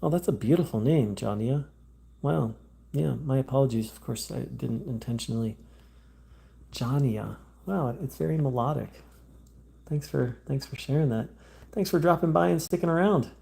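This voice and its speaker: Soft-spoken man with a gravelly, mellow voice. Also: medium pitch. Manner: meandering, halting, with frequent fillers and restarts; gentle and conciliatory toward viewers. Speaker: spiritual channel host. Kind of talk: live-stream talk, reading viewer comments. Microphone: phone.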